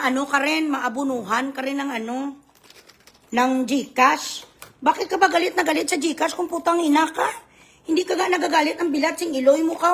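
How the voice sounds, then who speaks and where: High, forceful woman ranting. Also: creaky. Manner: profane, insulting tirade, at times shouting. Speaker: livestreamer. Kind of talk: angry livestream rant.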